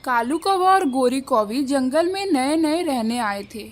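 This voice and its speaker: A woman narrating a children's cartoon story in a clear, even storytelling manner. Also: sits high, measured pace.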